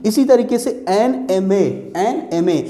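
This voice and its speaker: A male English teacher takes a grammar lesson step by step, repeating points and answering his own questions. His very high voice is dark and mellow, and he speaks slowly in an echoing room.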